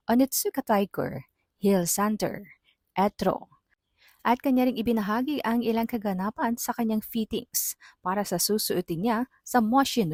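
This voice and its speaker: A woman reading a scripted entertainment news voice-over in an even, newsreader-like delivery. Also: mid-range voice, no echo, clean studio sound.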